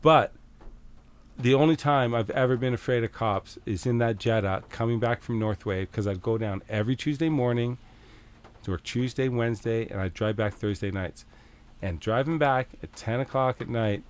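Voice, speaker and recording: A middle-aged Canadian man telling a story as a podcast guest, casual and animated, swearing freely and acting out the back-and-forth. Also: medium pitch, normal speed, clean tone. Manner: animated, swears freely, acts out quoted exchanges.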